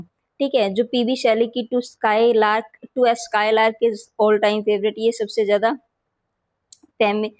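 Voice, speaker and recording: A woman with a mid-range, darkish voice, captured in a dry recording, teaches and hosts a channel's exam-prep lesson. She explains patiently, repeats key points, and often checks in with "theek hai."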